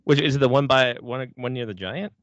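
A man's voice: medium pitch, a little fast, fairly bright tone, dry recording. A man hosts a casual sports podcast in a bro-ish, slangy way, swearing freely. His voice sits in a middle register. The audio is dry and a little dull. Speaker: hockey podcast host. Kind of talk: casual profane sports banter.

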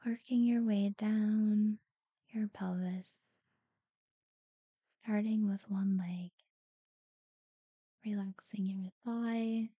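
Woman doing a sleep talkdown, soft breathy whispery spa voice, super slow, kinda muffled recording. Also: mid-range voice, fairly even intonation, no room sound. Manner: soothing, unhurried, with long pauses between short phrases. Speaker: guided relaxation narrator. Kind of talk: guided sleep meditation talkdown.

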